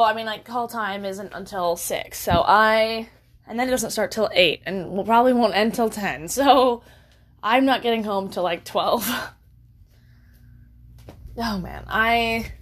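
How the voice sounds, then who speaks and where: A young woman talks loosely to her viewers from home, her voice sitting a touch high. She rambles, giggles easily and keeps stopping to correct herself mid-sentence. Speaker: vlogger. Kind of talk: casual chat to viewers. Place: at home by a window.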